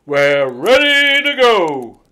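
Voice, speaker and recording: A man voicing a jolly old Santa Claus in a storybook, hearty and booming, with drawn-out exclamations. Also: big pitch swings, bright, forceful tone, exaggerated voice. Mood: delighted.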